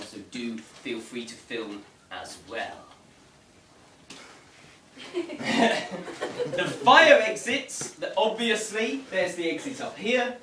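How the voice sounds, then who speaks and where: A man giving an informal briefing to a group as a tour guide, with a wry, dryly humorous and slightly mock-formal manner. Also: mid-range voice. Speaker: ghost tour guide leading a vigil. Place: indoors in an echoey room. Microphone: camera mic at a distance. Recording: echoey room, distant mic, faint noise.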